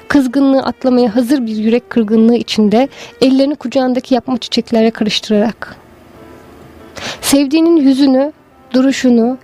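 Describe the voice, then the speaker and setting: A woman giving a slow, measured, lyrical literary narration of a story. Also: sits high, warm tone. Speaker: story reader.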